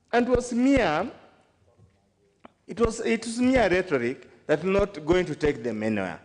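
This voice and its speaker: An emphatic man addresses parliament in a high voice that swings widely in pitch. The formal speech echoes around a large chamber. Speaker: member of parliament.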